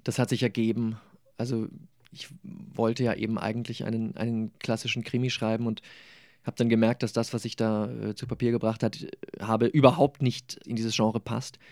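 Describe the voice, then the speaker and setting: Guy reading his own book, gets heated in the dialogue, then slow hesitant chat, dry mic. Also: fairly low pitch, level tone, a little mellow, no room sound. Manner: thoughtful, hesitant with fillers in the interview. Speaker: author reading his novel. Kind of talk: literary reading, then interview answers.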